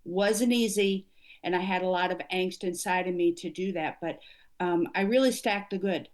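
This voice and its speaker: This is an interview guest, a middle-aged executive coach, with a lowish voice at a moderate pace. She speaks with earnest emphasis in a conversational exchange.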